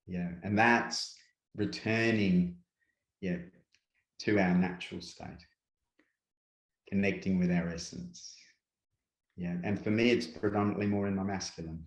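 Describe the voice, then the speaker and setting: Low-voiced Australian man in a roomy space. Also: fairly even intonation. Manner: unhurried, filler-heavy, repeats "yeah" and "yep". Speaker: guest speaker, workshop presenter. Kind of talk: reflective conversational interview.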